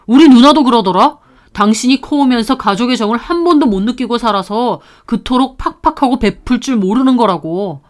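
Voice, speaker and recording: A woman's voice: fairly high pitch, moderate pace, lightly acted. A woman voicing a blunt, belittling husband in a narrated story, talking down coldly. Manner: cold, belittling. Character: blunt, sneering husband, a man.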